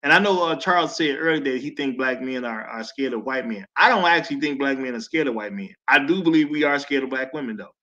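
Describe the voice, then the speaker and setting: A man's voice: medium pitch, fast, few pauses, sharp tone. A man hosting a panel, making firm, declarative points in opinionated talk. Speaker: host. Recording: dull lo-fi audio.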